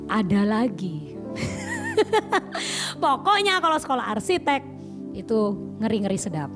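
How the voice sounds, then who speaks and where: A woman evangelist giving a testimony sermon, telling her story with lively drama and asking the listeners direct questions. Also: mid-range voice. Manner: lively storytelling, acts out her own past panic and prayers. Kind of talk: testimony sermon to a youth service.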